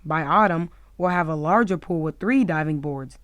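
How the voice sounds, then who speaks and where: A woman's voice: low-pitched, normal speed, no room sound, muffled recording, close to an everyday voice. A woman voicing a kindly, upbeat man who looks after his young charge in a children's storybook, speaking in a reassuring, encouraging way. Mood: consoling. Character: man with the yellow hat, kindly upbeat adult caretaker. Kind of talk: children's storybook read-aloud.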